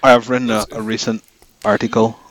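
A man's voice: on the low side, little pitch movement, fast, dry recording, poor audio. A man chatting casually as a podcast regular, in a hesitant and understated way. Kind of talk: casual chat.

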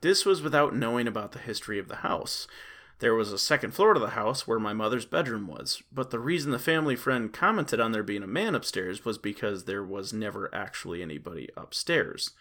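A man's voice: lowish voice, lively intonation, fairly quick, a bit bright. A man hosting a podcast, reading listener stories aloud and riffing on them in chatty, playful banter. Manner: chatty, laughs often, reads stories then riffs on them. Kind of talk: casual chat and reading aloud.

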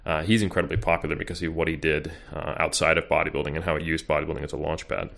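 Podcast guest: a man in his thirties with a very low voice, chatty and loose, full of ums and restarts. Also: flat delivery, very fast, creaky, fairly bright tone. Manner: rambling, many fillers and restarts. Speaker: podcast guest, bodybuilding coach. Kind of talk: casual interview chat.

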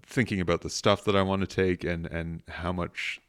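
A man co-hosting a comedy podcast, talking in a dry, mock-formal, deadpan way. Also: deep voice, normal speed, clear, resonant tone, dry recording. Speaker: podcast co-host. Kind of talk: casual comedic chat.

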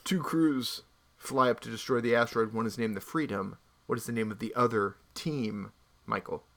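A man's voice: mid-range voice, a bit bright. Man, casual podcast co-host, rambling and joking, mid-range voice. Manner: joking, rambling, quick asides. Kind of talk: casual chat.

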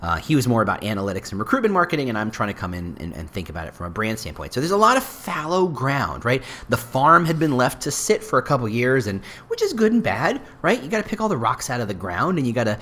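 A man's voice: mid-range voice, fast talker, few pauses. A man hosting his own podcast, talking casually on his own with frequent restarts and asides. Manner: rambling, self-interrupting, lively delivery. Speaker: podcast host. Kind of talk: casual solo podcast talk.

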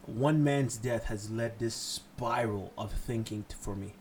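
Against slight background noise, a man from Haiti runs his own podcast in a lowish, darkish, unhurried voice. He curses freely, lecturing listeners bluntly and with feeling.

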